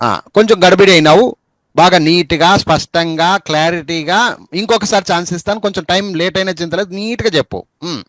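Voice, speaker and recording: A man teaches English, spelling each word letter by letter and saying it again and again. His voice sits high for a man. The sound is dry and close. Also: fast, fairly bright tone, dry recording. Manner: patient and repetitive, spells words letter by letter. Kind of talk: spoken English lesson over a group call.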